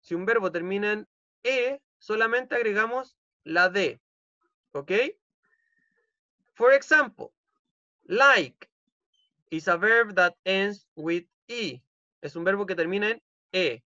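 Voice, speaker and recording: A man's voice: high voice, takes it slowly, pauses often, pushed and bright, no echo. Man, Chilean accent, bilingual teacher, dry dull video-call sound, patient step-by-step explaining. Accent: Chilean Spanish. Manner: explains each rule in English then repeats it in Spanish, checking with "ok?". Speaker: English teacher. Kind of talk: bilingual online class. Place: home. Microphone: computer mic on a video call.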